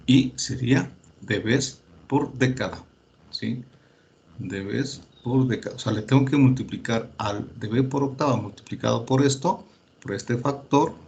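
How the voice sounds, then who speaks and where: A male teacher giving a lecture, his voice sitting at an ordinary middle pitch for a man. He works through the calculations patiently, with frequent fillers and restarts. He keeps asking whether his students are following and urges them to check the results themselves. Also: vocal fry.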